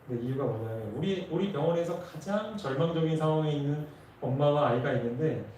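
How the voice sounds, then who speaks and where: A man's voice: a little high, quick pace, a little mellow, slight background noise. A man preaching a sermon, telling a story earnestly and rising with emotion at key moments. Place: church sanctuary. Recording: echoey church from far off.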